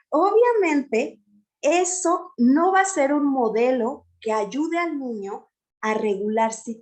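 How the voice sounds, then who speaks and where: A woman giving an explanatory lecture to teachers, often checking in with her listeners. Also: high-pitched.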